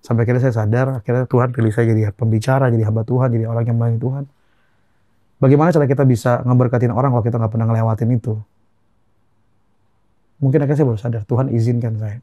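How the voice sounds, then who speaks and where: A young Indonesian man telling an emotional personal testimony as a guest, earnest and halting, repeating phrases as he goes. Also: mid-range voice, fairly even intonation, dark tone, no echo, dull audio.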